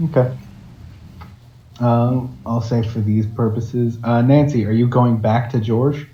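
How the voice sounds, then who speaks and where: A man's voice: medium pitch, fairly even intonation, slow pace, dark tone. A man narrating as game master of a tabletop game, hesitant and full of fillers, in a dull, echoey recording with background noise.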